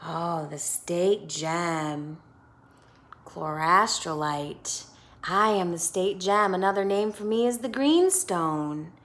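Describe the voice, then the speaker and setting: Reading a picture book to a group of children, this American woman teacher is expressive and instructive, pausing now and then to quiz her listeners. She speaks at a fairly low pitch.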